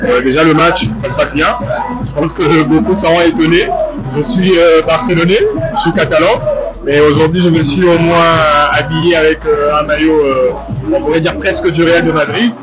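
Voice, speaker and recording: A man with a fairly high voice speaking in a friendly but hesitant way as he answers questions. Very loud music nearly covers his words. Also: fairly even intonation, normal speed, low-quality recording. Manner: hesitant, friendly, many fillers. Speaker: community president. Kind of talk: casual interview answers.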